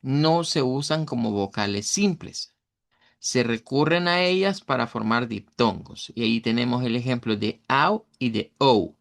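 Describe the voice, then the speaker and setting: A man's voice: medium pitch, creaky. A middle-aged male English teacher with a Central American Spanish accent, giving a recorded online class and explaining vowel sounds with fillers and self-corrections.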